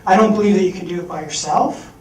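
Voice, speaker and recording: A fast-talking young man with a high-pitched, darkish voice takes the stage at a fundraising event, telling a frank personal story and doing the voices of people he quotes. The recording comes from far off in an echoey hall with an audience.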